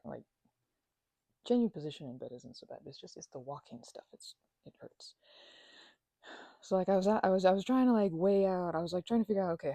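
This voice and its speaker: Low-ish, gravelly and mellow, this woman's voice comes through without echo as she plays a chatty, doting housemate recovering from a migraine. The one-sided ASMR roleplay is casual, playful and teasing, with stammering.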